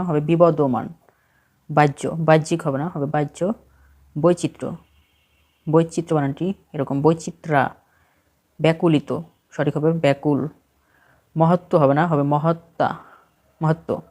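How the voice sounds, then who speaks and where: A man's voice: on the high side, steady tone, a little slow, long pauses, darkish tone. A man with a Bangladeshi Bengali accent reads a spelling list aloud for exam prep, steadily correcting each word in short phrases.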